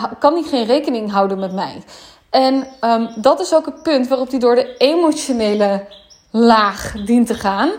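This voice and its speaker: Frank, higher-voiced woman coach. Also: a little mellow. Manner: frank, swears, drops English phrases. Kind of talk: casual monologue.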